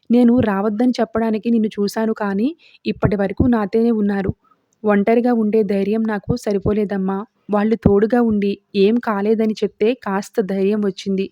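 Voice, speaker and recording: Woman reading as anxious young mother with a secret, mellow tone, dull dry lo-fi sound. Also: medium pitch, no room sound, close to an everyday voice.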